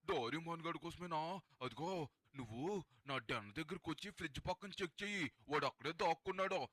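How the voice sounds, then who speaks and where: A man voicing a nervous tattletale boy who tells secrets in a hushed voice in a cartoon-style game dub. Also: fairly high pitch, quick pace. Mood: sneaky.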